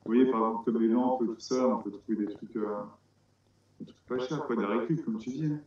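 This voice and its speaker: A man's voice: mid-range voice, fairly quick, dark tone. Man from France, amateur breeder, hesitant casual talker; echoey, muffled recording. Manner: hesitant, many restarts, explains step by step. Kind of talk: casual conversational interview. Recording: roomy, dull sound.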